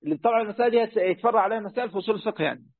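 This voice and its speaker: Over phone-quality audio with no room echo, a high-pitched male teacher of Quran commentary speaks very fast in Egyptian Arabic. He explains a religious text in class conversationally, firing questions at his students and using plenty of fillers.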